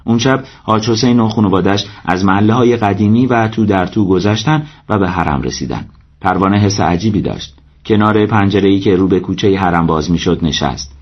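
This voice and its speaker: A man reading a story aloud as narrator, steady and measured. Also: sits low, breathy edge, dull audio. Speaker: audiobook narrator. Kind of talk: scripted narration.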